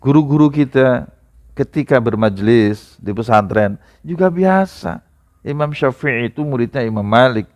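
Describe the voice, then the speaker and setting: A man preaching a sermon to a gathering, speaking to the audience directly and rising into emphatic high outbursts. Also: expressive, normal speed, darkish tone.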